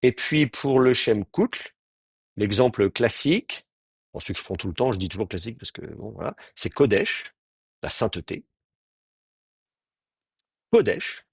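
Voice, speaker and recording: Husky-voiced male language teacher. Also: fairly low pitch, animated, normal speed, dry recording, studio quality. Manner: patient, explanatory, with frequent restarts. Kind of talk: Hebrew grammar lecture.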